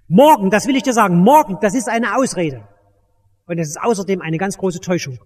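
A man preaching an evangelistic sermon in a church, urgent and emphatic, speaking straight to each listener. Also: high-pitched. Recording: reverberant church hall.

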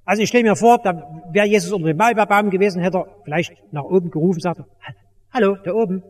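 A man's voice: high voice, rapid-fire. A man preaching an evangelistic sermon in a church, urgent and emphatic, speaking straight to each listener. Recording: reverberant church hall.

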